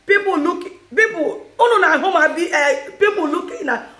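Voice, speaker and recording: A woman's voice: very high voice, a little fast, a bit bright, roomy sound. A Nigerian woman, a mother, chatting playfully with her daughters on a live video, teasing and laughing and slipping into pidgin. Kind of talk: playful casual family chat.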